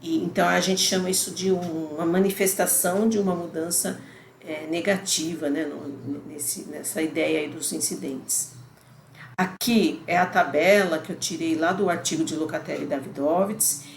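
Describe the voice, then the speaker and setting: A lower-pitched woman in middle age explains research concepts in a relaxed lecture, pausing often to check that her students follow. Her voice carries a noticeable room echo, and a faint hiss sits under the recording. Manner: explanatory, conversational, frequent "né?" and "ó". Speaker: university lecturer. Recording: roomy echo with faint background noise.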